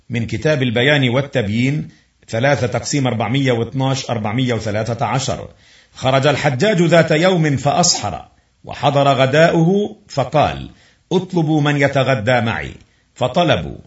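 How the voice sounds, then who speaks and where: Male teacher, careful reader with pauses, roomy lo-fi recording. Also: medium pitch. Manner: reads the text slowly and carefully, with filler pauses. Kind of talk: reading a book aloud as a lesson.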